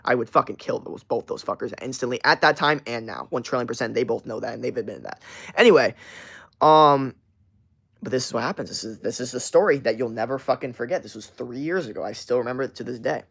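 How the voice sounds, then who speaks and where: Speaking fast in a mid-range voice that's gravelly, fairly bright and breathy at the edges, a livestream host in his twenties rambles through a casual story, swearing and stressing his points.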